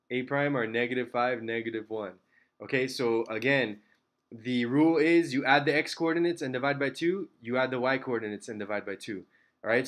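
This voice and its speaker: A man teaches a math lesson in a medium-pitched, slightly bright voice, working through problems step by step. He checks in with "okay?" and "all right?" and drops the occasional light, self-mocking joke.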